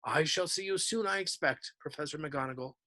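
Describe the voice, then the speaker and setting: A man reading aloud, voicing an elderly male wizard headmaster in a soft, low, unhurried way. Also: no room sound. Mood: calm.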